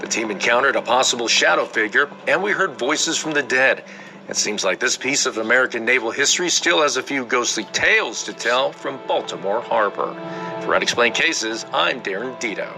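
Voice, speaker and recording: A man gives scripted narration for a ghost-hunting TV show, measured and a little ominous. His voice sits at a mid pitch, with music running underneath. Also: lively intonation, vocal fry, rough recording.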